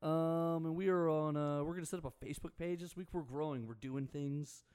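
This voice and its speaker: A young man hosts a local sports radio show in a casual, joking way. His voice sits a little high for a man, and he drifts into banter and asides. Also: fairly even intonation, a little fast, darkish tone, clear, resonant tone. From Houston area, Texas.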